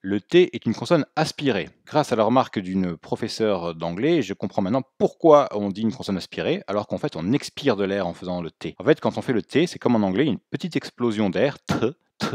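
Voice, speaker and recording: A man with a fairly low voice gives a spoken language lesson. He explains patiently and models each sound for learners to repeat. The recording is dry and close. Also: expressive, a little fast, few pauses, a little mellow, dry recording. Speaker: Mandarin teacher.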